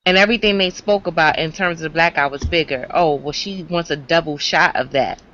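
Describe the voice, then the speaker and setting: A woman's voice: fairly quick, fairly bright tone, a little hiss or hum. A woman commenting in a casual, conversational discussion. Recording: slightly dull low-fidelity audio.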